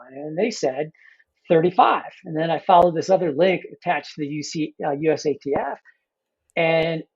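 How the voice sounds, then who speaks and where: A man's voice: high-pitched, a little mellow, breathy edge, highs cut off. A man in his fifties, a coach being interviewed, talking in a loose, rambling way full of restarts and "you know". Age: 50s. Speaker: guest coach. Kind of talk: casual interview talk.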